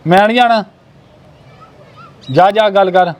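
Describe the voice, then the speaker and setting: A man's voice: high voice, measured pace. A man acting as a sulking, demanding brother-in-law in a family short film. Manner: sulky, sharp and demanding.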